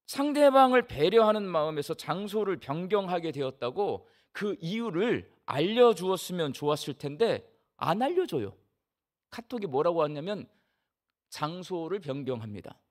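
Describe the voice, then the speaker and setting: A middle-aged male pastor from the Jeolla region delivers a sermon like a story told to friends. His voice sits on the high side and swings widely as he keeps asking the congregation questions. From Jeolla region, Korea. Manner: conversational, storytelling, often asks the congregation questions.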